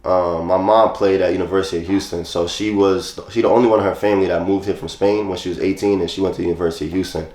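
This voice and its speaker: His deep voice moves quickly, with hardly any pauses, and the sound is reverberant. He's a New Yorker in his twenties, loosely recounting his past in a casual interview, his easygoing speech full of "like."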